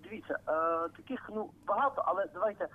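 A man's voice: high voice, lively intonation, quick pace. A man from Ukraine calling in to a radio show with questions, hesitant and full of restarts. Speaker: caller. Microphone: telephone. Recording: tinny phone line.

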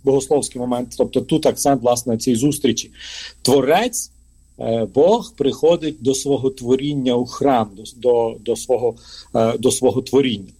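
A man's voice: mid-range voice, normal speed, dark tone, breathy edge. A priest from Ukraine, a man, answering interview questions in a hesitant way, with frequent filler sounds and restarts.

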